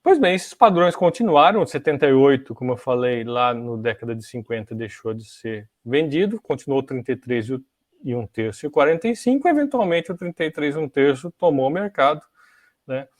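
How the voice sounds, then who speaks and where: Recorded in studio quality without any room sound, this Brazilian podcast host speaks a little fast in an animated, mid-range voice. He walks through music technology history casually and didactically, often tossing in short tag questions.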